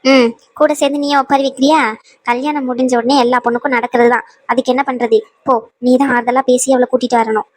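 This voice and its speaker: A woman playing a sharp-tongued but kind cartoon grandmother who lectures the young and soothes the worried. The voice sits high and is recorded dry and close. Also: flat delivery, quick pace, dry recording. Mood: advising. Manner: scolding yet soothing, full of advice. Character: wise, scolding old grandmother. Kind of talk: cartoon voice acting.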